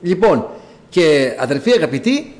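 A man preaching a sermon, telling a story with low asides and sudden high cries. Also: big pitch swings, darkish tone.

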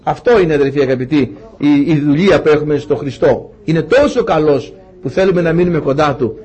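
A man's voice: fairly high pitch, animated, darkish tone, slightly rough. A man preaching a sermon to his congregation, emphatic, with fervent repeated prayers.

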